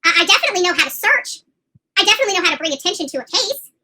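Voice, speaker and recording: A woman who hosts a YouTube channel on missing persons cases delivers a casual, indignant commentary rant, repeating phrases emphatically to drive her points home. Her voice is extremely high-pitched, very animated and racing, with background noise present.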